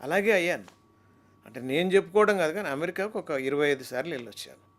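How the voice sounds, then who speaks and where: A man, a mimicry artist, telling stories in an animated, talkative way during an interview. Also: on the high side, fast. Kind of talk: interview chat.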